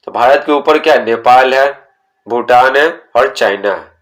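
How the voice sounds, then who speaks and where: A male teacher talks students through a textbook chapter. He reads each English sentence slowly and carefully before explaining it. He keeps asking the class questions and then answers them himself. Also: mid-range voice, fairly bright tone. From India.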